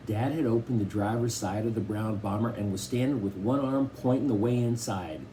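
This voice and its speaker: A man narrating a novel in first person with expressive storytelling. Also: on the low side, a little fast, slight background noise. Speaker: audiobook reader.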